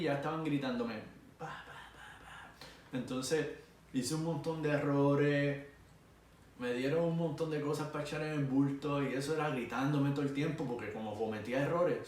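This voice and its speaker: A young man with a Puerto Rican Spanish accent tells a story in a casual, animated way and acts out the voices of people yelling. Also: fairly high pitch. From Puerto Rico. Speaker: vlogger. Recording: echoey room from far off, faint noise.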